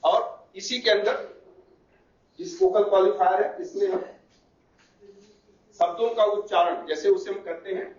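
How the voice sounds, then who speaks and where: A man teaching a class, explaining each term slowly and repeating it with Hindi equivalents. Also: high voice, a little mellow. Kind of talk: classroom lecture. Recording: echoey, distant, muffled room recording.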